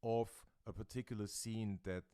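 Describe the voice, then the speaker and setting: A man's voice: fairly low pitch, steady tone, normal speed, warm tone, clear, resonant tone, dry recording, clean studio sound. A male host from Austria chatting in an interview, thoughtful and searching for his words. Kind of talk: casual interview chat. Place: Brooklyn, New York.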